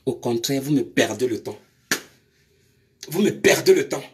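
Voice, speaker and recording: A woman's voice: rumbling low, expressive, a little slow, a little hiss or hum. Scolding woman live-streaming. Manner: scolding, confrontational, rhetorical questions. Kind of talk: live-stream rant to commenters.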